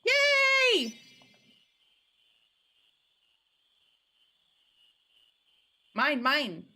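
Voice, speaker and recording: A woman's voice: high-pitched, sing-song, slow pace, fairly bright tone, heavily acted. A woman voicing a dopey, food-obsessed cartoon creature that bellows in broken, simple speech. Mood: excited.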